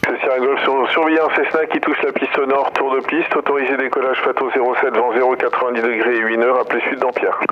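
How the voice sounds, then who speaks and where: Fast-talking male air traffic controller on radio. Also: medium pitch, little pitch movement. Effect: aviation radio. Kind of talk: clipped procedural radio instructions. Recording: muffled radio with aircraft noise.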